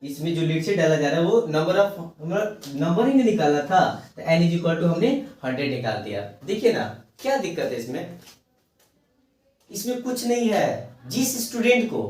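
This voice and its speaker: A man teaching a math lesson in speech, reassuring his students and working each sum aloud step by step. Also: on the high side. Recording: very echoey room, far from mic.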